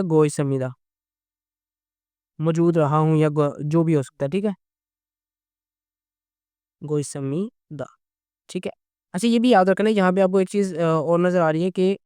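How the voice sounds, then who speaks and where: A man's voice: high voice, a little mellow, clean tone, no room sound, studio quality. A man teaching a grammar lesson, explaining patiently and checking in with "okay?" after nearly every point. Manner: patient, repeats "okay?" often. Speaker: language teacher.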